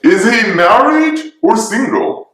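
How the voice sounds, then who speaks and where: A man's voice: high-pitched, lively intonation, takes it slowly, a bit bright, full character voice. A man playing a teasing, sarcastic middle-aged husband and father in a theatrical dramatic reading of a classic novel. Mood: mock-innocent, teasing. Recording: echoey room.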